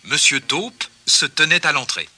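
A man reading a children's story aloud with expressive narration. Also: on the high side, a little slow, breathy edge, no room sound, soft background music. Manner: expressive, gently paced narration.

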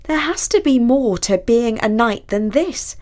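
A woman's voice: fairly high pitch, expressive, a little slow, a little mellow, pitched above the performer's own voice. A woman voicing a reluctant young man made a knight, complaining and sulky. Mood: indignant.

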